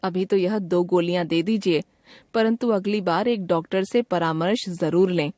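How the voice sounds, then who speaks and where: A woman with a lowish, slightly mellow voice, close to an everyday voice, reads the part of a polite medicine seller in a school dialogue at a moderate pace. Her delivery is plain, helpful shopkeeper talk, recorded with clean studio sound and no room sound.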